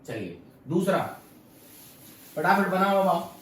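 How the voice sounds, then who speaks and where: A man teaching a physics class, firing quick questions at students and answering them himself. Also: high-pitched, sing-song. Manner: quizzing students with rapid questions. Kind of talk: classroom lecture. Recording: very echoey room, far from mic.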